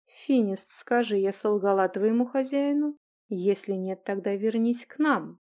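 A stern noblewoman, voiced by a woman reading aloud, calm and icy. She speaks in measured, cutting phrases. Quiet authority in a storybook telling. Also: medium pitch, close to an everyday voice. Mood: cool.

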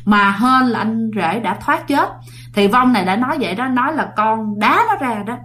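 A woman telling a ghost story in a chatty, casual way. She speaks directly to her listeners and keeps the tale moving. Her voice sits a little higher than most women's. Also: expressive, normal speed, fairly bright tone, faint music behind.

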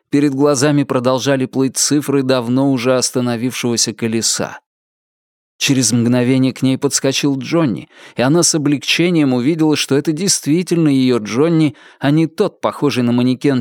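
A man reading a novel aloud as an audiobook narrator, in a dramatic, expressive manner. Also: mid-range voice, no room sound, clean studio sound. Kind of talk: scripted narration.

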